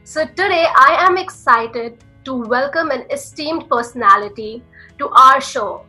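A woman with a high, bright voice hosts a podcast interview and talks her guest up with eager, gushing warmth. She speaks with a ringing, forward tone over faint background music. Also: expressive, measured pace, poor audio. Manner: enthusiastic, effusive introductions. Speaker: podcast host.

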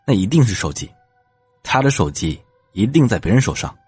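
A man voicing a cocky young male police officer who talks smugly and teasingly, with a husky voice. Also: fairly low pitch, sing-song, normal speed, a little mellow, no echo, soft background music, exaggerated voice. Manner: smug, teasing, with scoffs. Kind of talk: audio drama acting.

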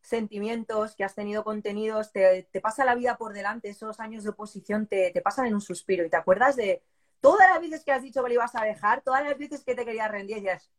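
A woman in her forties from southern Spain, telling an interviewer her personal story with strong feeling and lively quoted voices. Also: mid-range voice, quick pace. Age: 40s. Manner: animated, moved, voicing people in her story. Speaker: interviewee, police exam candidate.

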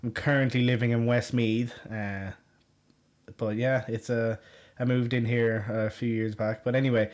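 A man's voice: mid-range voice, level tone, normal speed, a little mellow. A man of thirty-one with a west of Ireland accent, hosting a solo podcast in casual, rambling, informal chat. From Galway, west of Ireland. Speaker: podcast host. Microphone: condenser shotgun mic.

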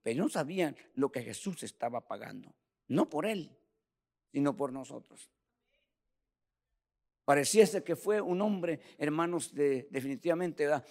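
A man preaching a fervent sermon, swinging from hushed passages to loud repeated exhortations. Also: a little high, expressive, measured pace, long pauses.

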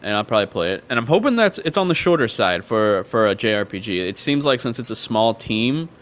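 A man's voice: on the low side, very animated, fairly quick, fairly bright tone. A man hosting a casual game podcast, upbeat and teasing as he runs through the topics. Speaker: podcast host. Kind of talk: casual panel chat.

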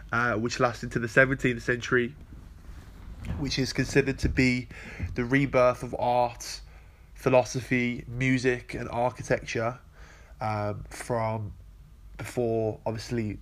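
Man, nasal, stuffy with a cold, monotone, mid pitch, rambling casual explainer. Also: a little hiss or hum. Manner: rambling, filler-heavy, loose swearing. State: congested from a cold. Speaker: video essay host.

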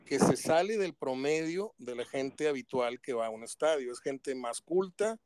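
A man in his sixties hosting a sports radio show, interviewing a guest in an effusive, formal and flattering way. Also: medium pitch, moderate pace. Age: 60s.

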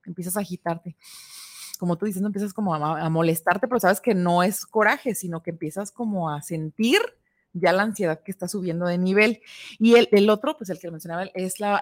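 A woman with a Mexican accent in casual chat as co-host, animated and acting out quoted people. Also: no room sound, studio quality. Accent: Mexican Spanish. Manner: animated, acts out quoted people in high voices.

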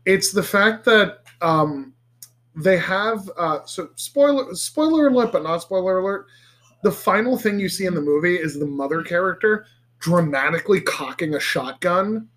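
A man co-hosting a casual podcast chat with friends, animated and profane, rambling through tangents with lots of fillers. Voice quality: animated, swears freely, goes high and shrill when laughing. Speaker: podcast co-host. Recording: several people chatting around one mic.

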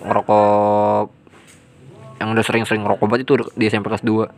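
Young man, rambling slangy storyteller, faint music underneath. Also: on the low side. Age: young adult. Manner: rambling, slangy, self-mocking. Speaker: vlogger telling his life story. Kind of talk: casual storytelling in Jakarta slang.

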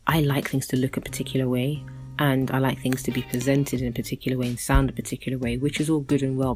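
Hosting her podcast alone, a thirtysomething woman speaks in a rumbling low, slightly mellow voice. She rambles in a relaxed way, frequently using fillers and starting over mid-thought.

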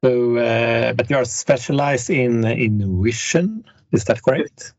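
Low husky guy asking questions, dry muffled audio. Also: unhurried, darkish tone, no echo. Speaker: host. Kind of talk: interview questions.

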